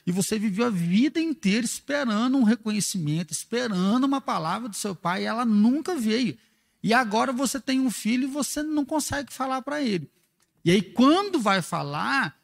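A father who speaks at church on parenting gives a conversational teaching talk, earnest and explanatory, with frequent rhetorical questions. His voice is high with vocal fry, and the sound fills a big room.

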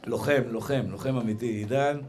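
A middle-aged man preaching to a live audience as a rabbi, lively and playful, acting out the people in his stories. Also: medium pitch, noisy background. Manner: lively, playful, acts out quoted people, shifts between loud and hushed.

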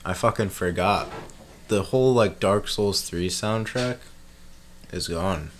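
Young male co-host, very low voice, slangy and profane, clear clatter of dishes behind. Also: slow, a little hiss or hum. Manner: slangy, swears a lot, teasing. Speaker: podcast co-host. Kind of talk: casual chat.

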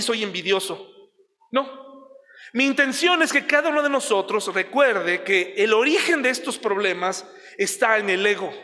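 A man's voice: extremely high pitch, sharp tone. A man with a Mexican accent preaching a sermon in a chatty way, asking the listeners questions and acting out little everyday scenes. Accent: Mexican Spanish. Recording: long reverb of a large hall.

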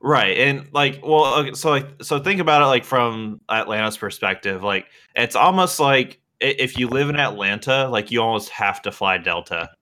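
Chatty young man with a bright voice. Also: medium pitch, normal speed, hardly any pauses. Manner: rambling, many "like" fillers, laughs often. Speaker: podcast co-host. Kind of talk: casual chat.

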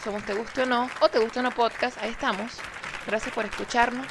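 A woman's voice: a little high, fairly even intonation, a little fast, background noise. A woman from Venezuela with a Venezuelan accent, co-hosting a casual podcast and reading listener comments in a chatty, teasing way. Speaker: podcast co-host.

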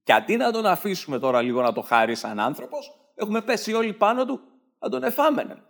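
A man's voice: high voice, very animated, vocal fry, a bit bright. A man with a Greek accent delivering a sarcastic satirical stand-up monologue. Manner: sarcastic, mocking, slips into mimicked voices. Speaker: satirical comedian.

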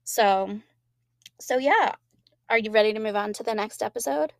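A woman's voice: a little high, moderate pace, gravelly, no echo, clean studio sound. A woman co-hosting a podcast, casually recapping TV episodes in a rambling way and quoting characters. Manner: rambling, quotes characters with laughs. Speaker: podcast co-host.

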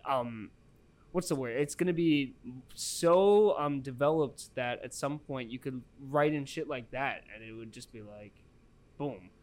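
A young man co-hosting a podcast in casual chat, animated, swearing and laughing often. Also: mid-range voice, unhurried. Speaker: podcast host.

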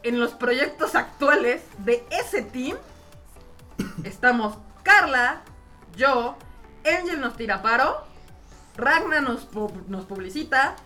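A woman of thirty sounds off in a casual podcast chat. Her voice is bright and forceful and sits a little high, and she rants with exasperation. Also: lively intonation, slow pace, pauses often, soft background music. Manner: exasperated, ranting. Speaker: podcast co-host.

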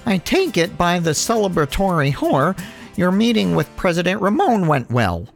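A man's voice: sits high, very animated, normal speed, vocal fry, soft background music, voice pushed up, exaggerated voice. A man voicing a scheming Martian spy in a comic audiobook, sly and sneering.

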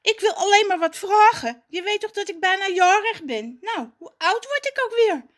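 Excitable young male storybook character, voiced by a woman, high pitch, lively swings, eager, easily flustered. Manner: eager, jumpy, quick to fluster.

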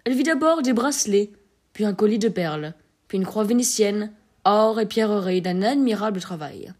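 A woman narrating a classic short story in a measured, expressive reading. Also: mid-range voice, husky.

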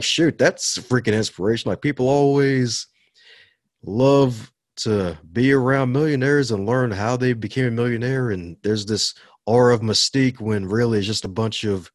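An upbeat man from Baltimore talks as a guest on a podcast interview. His voice sits a little low, and the sound is close and dry with no room around it. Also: no echo. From Baltimore, USA. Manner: upbeat, laughs often. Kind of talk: casual interview talk.

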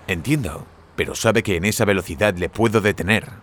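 A man playing a polite highway cop. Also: brisk, a bit bright, slight background noise, natural voice. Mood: firm. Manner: firm, formal and courteous. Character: polite adult male highway police officer. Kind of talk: scripted dialogue for learners.

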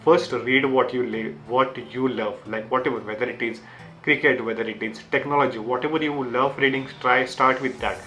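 A man's voice: mid-range voice, steady tone, moderate pace, bright, forceful tone, faint music behind, low-quality recording. A young man, a native Marathi speaker with an Indian accent, shares self-help lessons with viewers in earnest non-native English, using simple, repeated phrasing. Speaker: YouTube creator sharing book lessons.

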